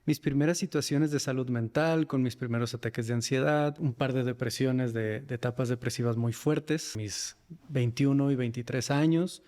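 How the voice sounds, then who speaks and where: Speaking at a moderate pace in a mid-range, slightly mellow voice, a podcast guest talks reflectively about his life and work. He's a men's mental health facilitator with a northern Mexican accent, and the recording has a big-room sound.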